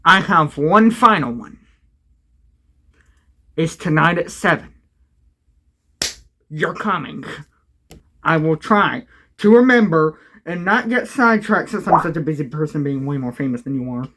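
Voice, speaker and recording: A man's voice: on the high side, expressive, a little slow, long pauses, sharp tone. A young man acting in a comedy sketch, talking in a goofy, oblivious and boastful way.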